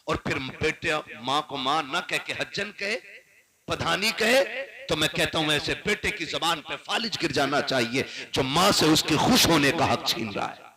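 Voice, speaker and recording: A man with an Indian Urdu accent preaching an emotional sermon at a religious gathering, telling a story that moves between hushed narration and impassioned cries. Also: a little high, expressive, normal speed, a crowd in the background. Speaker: Islamic preacher.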